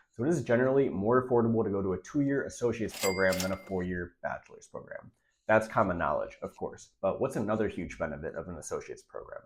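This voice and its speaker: A young radiology tech creator, his voice lowish and congested and nasal from a recent illness, gives career advice in a casual vlog to camera. He's direct and emphatic, repeating his key points.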